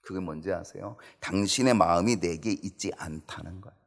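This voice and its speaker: A man's voice: fairly quick, gravelly. A man preaching a Bible study sermon, acting out quoted lines with rising emotion. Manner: animated preaching, acts out quoted pleas in high voice. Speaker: pastor.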